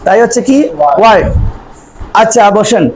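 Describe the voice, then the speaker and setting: A man's voice: high-pitched, moderate pace, a little hiss or hum, poor audio. A man teaching a language class, asking the students questions and answering them himself, repeating key terms. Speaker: English teacher. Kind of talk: classroom lecture.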